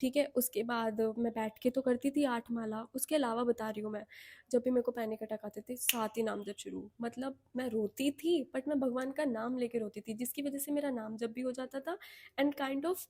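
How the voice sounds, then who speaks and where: A young woman with an Indian accent telling a personal story to camera in a candid, animated, self-mocking way. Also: fairly high pitch, moderate pace. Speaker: vlogger.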